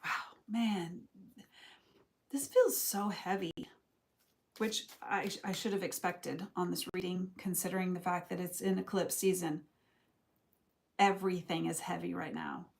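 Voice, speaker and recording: A woman's voice: fairly low pitch, steady tone, measured pace, creaky, long pauses. A young woman giving a casual live tarot reading, talking in a loose, reflective, rambling way. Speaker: tarot reader.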